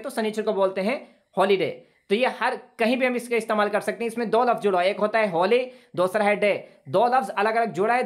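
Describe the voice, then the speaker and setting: Man teaching english grammar, patient, says example lines over and over slowly. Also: high-pitched. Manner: patient, repeats phrases slowly for students. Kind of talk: classroom lesson explaining grammar.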